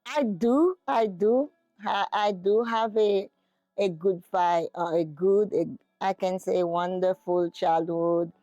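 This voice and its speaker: A middle-aged Haitian woman, whose first languages are Haitian Creole and French, answers casual interview questions in English with a Haitian accent, hesitating as she searches for words. Her voice is medium-pitched and dark-toned, and she speaks slowly. The lo-fi recording has no echo and faint music behind it.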